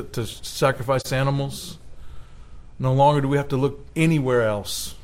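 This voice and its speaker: A man preaching a sermon in an earnest way, rising with emphasis when he quotes scripture. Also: medium pitch. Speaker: pastor.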